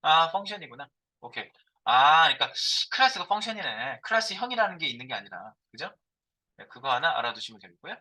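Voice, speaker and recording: A middle-aged man teaching a programming class, his very bright voice sitting a little high. His pitch swings widely as he talks through code while typing. He keeps asking his students questions and then answering them himself. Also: very animated, a little fast, low-quality recording. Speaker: programming instructor. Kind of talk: live coding lecture.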